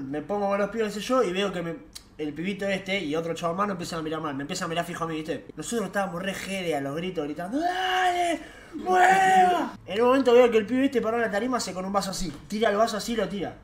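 A young man with an Argentine accent telling a night-out anecdote in casual, slangy, animated chat. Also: sits high, rapid-fire, a little hiss or hum. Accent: Argentine Rioplatense Spanish. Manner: animated, slangy, laughs as he tells it. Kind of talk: casual storytelling.

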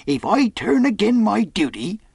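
A man voicing an honest, brave sailor with a hoarse, shaking voice, speaking earnestly. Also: sits high, sing-song, unhurried, a little mellow, dry recording, studio quality, pitched above the performer's own voice, full character voice. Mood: pleading. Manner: earnest, pleading then defiant.

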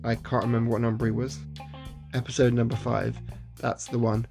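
A man's voice: mid-range voice, little pitch movement, a little fast, gravelly, over music. A man hosting a casual solo podcast in a groggy morning voice, chatty and self-deprecating, laughing at himself. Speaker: podcast host.

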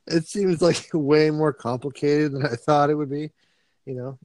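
A man's voice: a little high, fairly even intonation, moderate pace, a little mellow, no echo. A man co-hosting a casual comedy podcast, rambling and laughing often as he talks. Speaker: podcast co-host.

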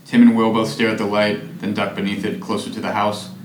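A male narrator reads stage directions, low and very flat, in a matter-of-fact tone. His voice rings in a roomy space, with faint ambience underneath. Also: a little fast, a little hiss or hum.

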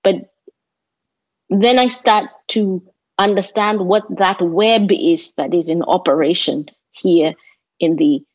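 A landscape designer from Kenya, who grew up in Nairobi, takes her time as an interview guest, her low, slightly mellow voice carrying a Kenyan accent. She is reflective and thoughtful, prone to repeating things for emphasis. The lo-fi recording feels roomy and a little dull.

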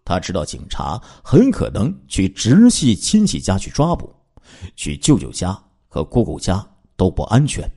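Male true-crime storyteller, dramatic delivery, asides to listeners, husky voice, low pitch. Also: huge pitch swings, normal speed, dark tone. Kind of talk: spoken true-crime narration.

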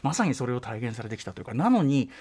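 A male radio host chatting casually at a quick clip. His pitch moves in a very lively way, and he speaks emphatically, often groping for the right word mid-sentence. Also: husky. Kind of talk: casual conversational radio talk.

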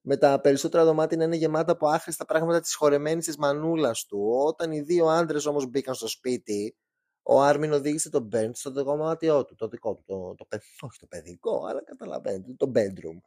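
A man's voice: on the high side, a little mellow, no echo, clean studio sound. Chatty young man telling a true crime story. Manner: chatty, joking asides, slangy. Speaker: true crime podcast host. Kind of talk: casual storytelling narration.

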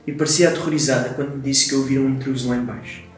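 A young man with a European Portuguese accent, co-hosting a casual chat and reading short horror stories aloud in a teasing, hurried way. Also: medium pitch, steady tone, recorded from a distance, faint music behind. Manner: teasing, rushes through his readings. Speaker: podcast co-host. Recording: very echoey room.

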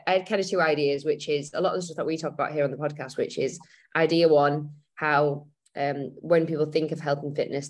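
A woman co-hosting a health and fitness podcast, chatting casually and rambling with fillers as she explains. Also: sits low. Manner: rambling, many fillers and restarts. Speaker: podcast co-host.

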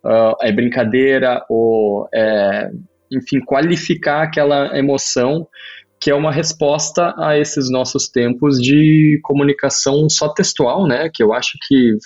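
A man chatting casually as host, explaining things in an articulate, measured way. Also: mid-range voice, steady tone, darkish tone, muffled recording. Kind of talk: casual chat.

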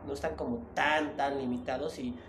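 A young Mexican man chatting casually with a friend, telling stories in a slangy, animated way. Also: medium pitch, moderate pace, reverberant, background noise. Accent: Mexican Spanish. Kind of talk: casual chat between friends.

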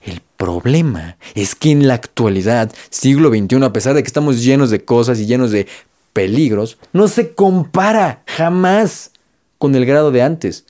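A man's voice: mid-range voice, mellow. A man with a Mexican accent giving a casual motivational talk to camera, talking conversationally with slang and repeated phrases for emphasis. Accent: Mexican Spanish. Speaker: motivational vlogger.

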